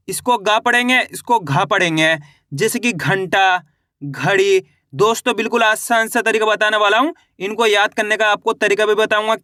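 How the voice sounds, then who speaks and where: High bright-voiced male teacher. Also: dry recording, clean studio sound. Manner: drills each letter, asks learners to repeat after him. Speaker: Hindi reading teacher. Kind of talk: step-by-step alphabet lesson.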